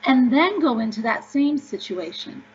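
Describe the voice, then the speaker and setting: A woman's voice: sits high, expressive, normal speed, a little hiss or hum. A woman author answering interview questions, upbeat and emphatic as she tells stories. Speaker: author guest. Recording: dull lo-fi audio.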